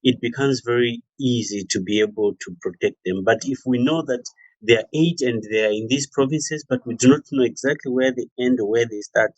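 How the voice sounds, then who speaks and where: A man giving a formal, measured submission in an online webinar, with hesitant phrasing. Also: medium pitch, a little mellow, dry recording. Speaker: workshop participant. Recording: dull, dry online call audio.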